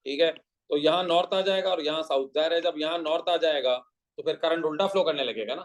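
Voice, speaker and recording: Man, teacher, classroom physics lecture, rather high voice, patient, rhetorical questions, Hindi-English mix. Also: a little fast, low-quality recording. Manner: mixes Hindi with English terms.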